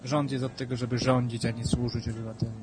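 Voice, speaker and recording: A man's voice: little pitch movement, quick pace. A man calling into a talk radio show, arguing about politics in a skeptical, wry way. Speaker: caller. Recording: low-bitrate talk radio stream with faint music.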